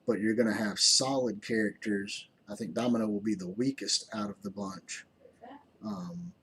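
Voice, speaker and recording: A man's voice: fairly low pitch, expressive, moderate pace, sharp tone, a little hiss or hum. A man giving casual game commentary as a gaming YouTuber, rambling and hesitant with many ums, sounding tired. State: tired, yawning.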